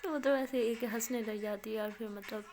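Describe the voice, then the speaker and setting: A woman's voice: a little high, steady tone, darkish tone, soft background music. A woman casually narrating a romance story in a chatty, loose way. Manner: chatty, loose filler-laden retelling.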